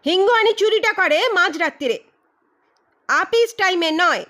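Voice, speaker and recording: In a dramatized audiobook reading of an audio mystery, a woman acts out a blustering male private detective. The voice is very high, loud and exaggerated, with lively intonation at a moderate pace, delivered in an emphatic, declamatory way. He sounds boastful, ruthless and menacing, and the mood is heated and insistent.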